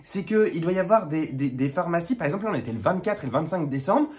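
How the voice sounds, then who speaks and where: Animated young man telling a jokey story. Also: quick pace. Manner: animated, jokey, mocking asides in high voices. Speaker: vlogger. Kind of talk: casual storytime monologue.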